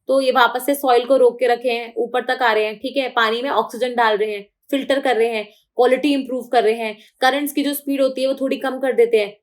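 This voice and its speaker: High-voiced woman teaching an online class. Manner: explains in Hindi mixed with English terms, checks understanding often. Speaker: exam prep teacher. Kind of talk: online lecture.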